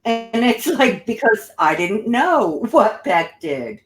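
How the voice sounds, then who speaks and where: A woman's voice: on the high side, very animated, slow, over music. A woman hosting a casual commentary chat, blunt and scornful about the person discussed. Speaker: channel host.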